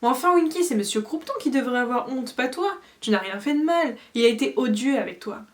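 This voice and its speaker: Woman reading as a kind teen girl witch, soft and a bit high. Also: animated, brisk, natural voice. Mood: reassuring. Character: gentle earnest teenage girl witch.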